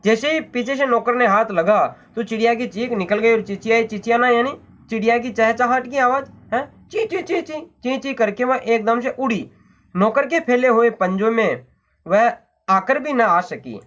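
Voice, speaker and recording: A man's voice: very high-pitched, moderate pace, fairly bright tone. A man teaching a textbook story, repeating phrases and explaining word meanings, often checking with "hmm?". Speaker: Hindi teacher.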